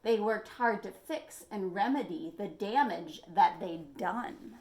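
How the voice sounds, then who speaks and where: Slow and mid-range, with a darkish tone, a librarian reads a picture book aloud to a group of young children. The read-aloud is animated and expressive, and she invites her audience in by posing questions.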